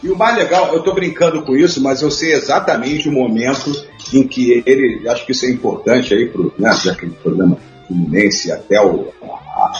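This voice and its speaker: A man talking casually on a radio show, telling lively stories with frequent laughs. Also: medium pitch, normal speed. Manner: animated storyteller, laughs often. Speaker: guest. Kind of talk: casual chat. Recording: muffled roomy sound with faint music.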